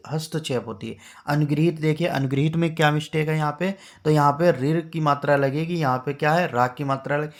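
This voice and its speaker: A male teacher giving an exam-prep spelling lesson, patiently drilling each word and quizzing his class with rhetorical questions. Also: on the high side.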